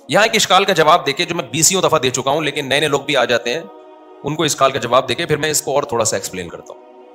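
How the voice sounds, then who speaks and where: Bright-voiced man preaching in a mosque. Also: fairly high pitch. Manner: conversational, asks the crowd questions and answers them himself; scolds listeners who look away. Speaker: mufti giving a mosque lecture. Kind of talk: sermon.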